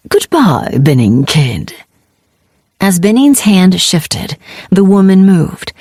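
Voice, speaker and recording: A woman narrating a science-fiction audiobook in a steady, even storytelling manner. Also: fairly low pitch, no room sound, clean studio sound. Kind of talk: scripted narration.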